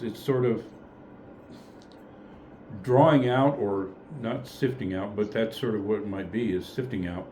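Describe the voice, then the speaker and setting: A low, mellow-voiced man leads a casual group Bible study. He thinks aloud, tentative and self-correcting. A faint hiss sits behind his voice.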